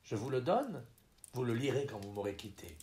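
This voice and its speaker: A man's voice: mid-range voice, sing-song, normal speed, darkish tone, a little hiss or hum, pitched below the performer's own voice, natural voice. A man voicing an eccentric, impoverished male wanderer who speaks in an earnest, slyly whimsical way.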